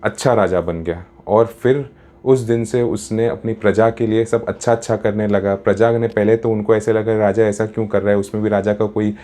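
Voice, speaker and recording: A man's voice: on the low side, steady tone, moderate pace, warm tone. A man telling a story in a casual, chatty way, mixing in English words, as a storyteller and happiness coach.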